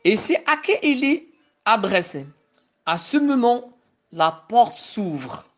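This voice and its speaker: Slow-reading woman. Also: fairly high pitch, big pitch swings, soft background music. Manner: slow, deliberate reading with explanations. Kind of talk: reading a play aloud and explaining it.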